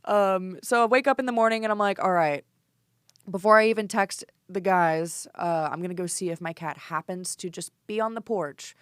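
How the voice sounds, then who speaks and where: A woman in her twenties, a band singer appearing as a podcast guest, tells a story in casual chat, animated and swearing as she acts out her own lines by quoting herself. Her voice sits lowish and smooth at a normal speed. The recording is dry and of studio quality.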